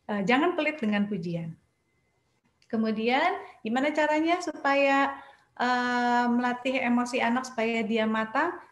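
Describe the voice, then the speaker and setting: A woman psychologist giving parenting advice, going through her points one by one and speaking straight to the parents. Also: medium pitch. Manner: explains in numbered points, addresses parents directly. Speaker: child psychologist. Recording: echoey room.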